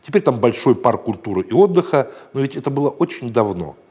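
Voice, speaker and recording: A man reading a children's story aloud in a gentle, playful storytelling manner, raising his voice for the shouted lines. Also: mid-range voice, very animated, fast talker, husky. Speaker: narrator.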